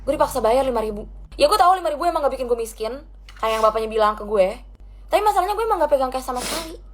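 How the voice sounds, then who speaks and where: A woman's voice: high-pitched, animated. A young woman angrily telling a story about a run-in, ranting and swearing as she goes. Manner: indignant, fast ranting with swearing.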